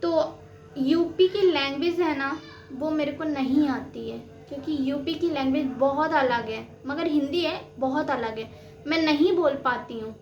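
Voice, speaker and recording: A woman's voice: sits high, unhurried, a little mellow. A woman from Madhya Pradesh with a Madhya Pradesh Hindi accent, chatting casually in an opinion vlog and often adding little fillers. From Madhya Pradesh, India. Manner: chatty, repeats "theek hai" and "yaar". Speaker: vlogger. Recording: slightly dull, roomy, faint hiss.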